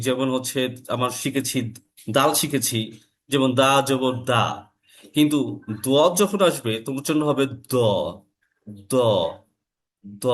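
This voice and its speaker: A man teaching Arabic letter pronunciation in an online lesson, slow and deliberate, repeating each sound for his learners. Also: mid-range voice. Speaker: Quran recitation teacher.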